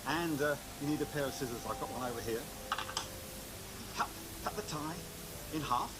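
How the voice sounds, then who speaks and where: A man's voice: fairly high pitch, moderate pace, very noisy. A British man giving comic magic patter like a children's party magician, playful and bumbling with theatrical asides. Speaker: magician entertainer.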